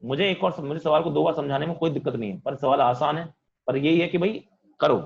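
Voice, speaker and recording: A physics teacher speaking, leading an online class in a loud voice that he says is straining from all the shouting. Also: on the high side, fast talker, gravelly, dull audio. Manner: talks loudly to students, says he is shouting. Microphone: computer mic on video call.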